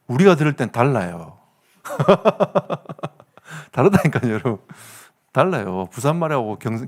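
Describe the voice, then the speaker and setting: A male pastor with a Gyeongsang accent preaching a sermon, telling stories with comic asides and laughter. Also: medium pitch. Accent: Gyeongsang Korean. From South Korea.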